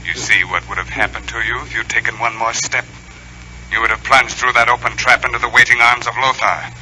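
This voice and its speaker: An actor playing a suave, calmly commanding stage magician with theatrical, deliberate, formal diction, in old-time radio style. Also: male voice, medium pitch. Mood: taunting, commanding. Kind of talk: 1940s radio acting. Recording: noisy old radio recording.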